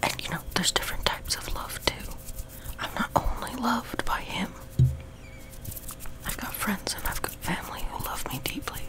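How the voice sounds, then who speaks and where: A young adult man hosts an ASMR video from a love seat in a small room at home, rambling in a close whisper right into the listener's ear. His voice is high-pitched and animated at a moderate pace, picked up by a sensitive high-gain close microphone.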